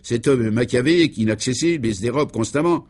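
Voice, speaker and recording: A man playing an excitable, pompous male security chief in a radio serial, who talks in an emphatic, declamatory way. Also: medium pitch, fast, pitched above the performer's own voice, natural voice. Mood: vehement. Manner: agitated and exclamatory. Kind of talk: 1950s-style French radio serial acting.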